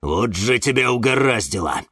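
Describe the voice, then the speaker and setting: A man's voice: mid-range voice, lively intonation, normal speed, fairly bright tone, breathy edge, dry recording, clean studio sound. A man voicing a grumpy male cactus who scolds and snorts. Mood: scolding. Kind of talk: storybook narration.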